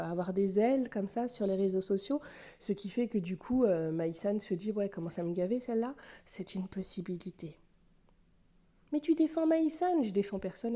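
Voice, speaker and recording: A woman's voice: mid-range voice, dark tone. A woman giving casual, teasing gossip commentary, dropping into whispers for asides.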